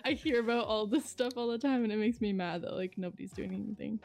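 A young woman with a Canadian accent chatting casually as a podcast co-host, rambling and filling every pause with "like". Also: medium pitch, steady tone, creaky, darkish tone, faint music behind. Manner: rambling, heavy use of "like", laughs often. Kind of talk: casual chat.

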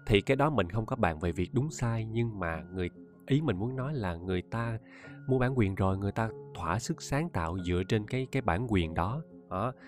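A man's voice: on the low side, lively intonation, a little fast, soft background music. A man with a Southern Vietnamese accent, an audiobook narrator talking casually to his listeners, often laughing and addressing them directly. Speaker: audiobook narrator and podcast host.

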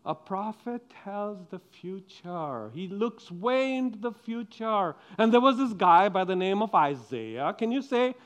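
Man, pastor, children's sermon, high voice, unhurried, playful, asks questions. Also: very animated.

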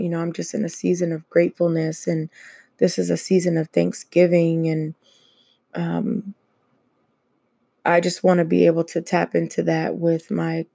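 A woman hosting a casual solo podcast, chatting with plenty of fillers and easy laughs. Her voice is low, dark and gravelly, with a bit of fry. The sound is close and dry. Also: dry recording. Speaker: podcast host.

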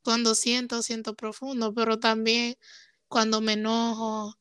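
A woman's voice: fairly high pitch, monotone, a little slow, fairly bright tone, clear, resonant tone, no room sound. A young woman guest on a podcast, talking candidly and emotionally, dropping English phrases into her speech. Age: young adult. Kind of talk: casual conversation.

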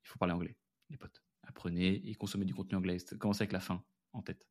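A French man who founded and hosts his own podcast delivers a candid, chatty monologue, addressing listeners casually and directly as though they were friends. His low voice moves at a brisk clip, with a level, somewhat dark tone.

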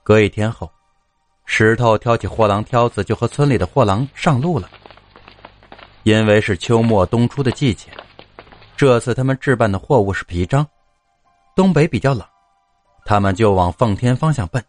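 A man narrating a folk story in a steady, even storytelling manner. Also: on the low side, normal speed, pauses often, dry recording, faint music behind.

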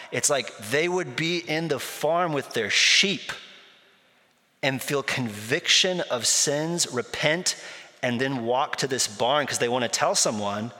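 A man preaching to his congregation with a bright, forceful voice at a middle pitch. He talks through stories in a loose, conversational way, and the church hall gives his words a long echo. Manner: conversational preaching with storytelling asides. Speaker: pastor. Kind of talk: sermon.

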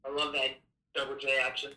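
Bright playful man, roomy off-mic sound. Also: mid-range voice, completely flat delivery, a little fast, far from the mic. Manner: joking, playful trash talk. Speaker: mock draft panelist. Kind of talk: casual podcast chat.

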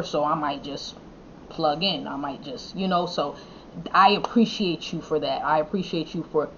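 A woman with a notably low voice hosts a relaxed podcast conversation, warmly thanking her guests and easing between thoughts with fillers. The audio is a bit dull and lo-fi, with a faint rumble underneath. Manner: affirming, thankful, loose with fillers. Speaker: podcast host.

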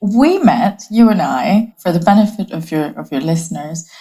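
A woman's voice: fairly low pitch, lively intonation, normal speed, dark tone. A woman from Bangladesh, an advertising strategist, talking as a guest in an interview from her home office. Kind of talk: conversational interview.

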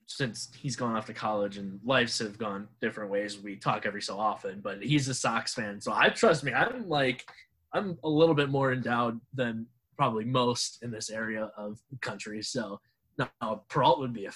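A man guesting on a sports podcast, trading profane, animated banter. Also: mid-range voice, normal speed, slightly rough. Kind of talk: casual podcast chat.

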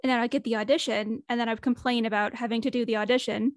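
A woman's voice: fairly high pitch, steady tone, quick pace, no echo, clean studio sound. A woman talking as a podcast guest in a casual interview, reflective and earnest, her voice a bit worn as she is losing it. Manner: reflective, earnest, thinks aloud.

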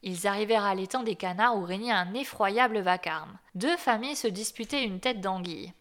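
A woman reading a fairy tale aloud in a clear, expressive storybook manner. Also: mid-range voice, brisk. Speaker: narrator.

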